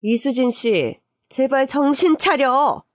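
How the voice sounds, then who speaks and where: A woman's voice: medium pitch, normal speed, mellow, dry recording, clean studio sound, lightly acted. A woman voicing a fierce, protective middle-aged aunt who speaks in a cutting, scornful way, in a radio-style story reading.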